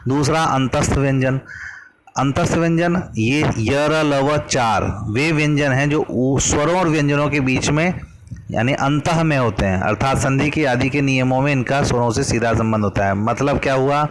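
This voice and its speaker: A man's voice: mid-range voice, moderate pace, background noise. A man teaching a grammar lesson from a worksheet, patiently explaining and drawing out vowel sounds as examples.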